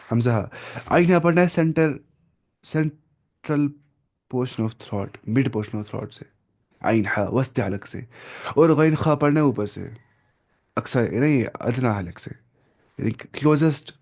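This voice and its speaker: A man with a medium-pitched, darkish voice gives a casual tajweed lesson on the rules of Quran recitation, talking informally to his students and frequently mixing English terms into his explanations. Now and then he pauses to pronounce example words slowly and carefully.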